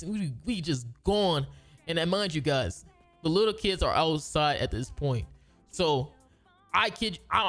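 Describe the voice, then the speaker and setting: A man with a fairly high voice tells a story in a loose, rambling way. He restarts his sentences and uses a lot of slang. Soft music plays quietly behind him. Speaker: gaming video creator. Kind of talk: casual storytelling.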